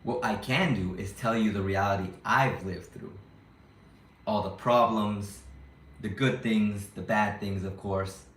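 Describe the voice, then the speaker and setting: This young man's vlog to his viewers is casual and meandering, full of restarts and self-doubt, as he talks about life as a YouTuber abroad. He speaks a little slowly in a low, steady, fairly bright voice, on a rough recording with reverberation.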